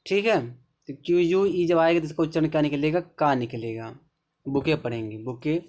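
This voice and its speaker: Slow-explaining man with a Hindi accent. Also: fairly high pitch, a little mellow, highs cut off. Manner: slow, repetitive explaining, often checking in with the viewer. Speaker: English teacher. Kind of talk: spoken-English lesson explaining pronunciation.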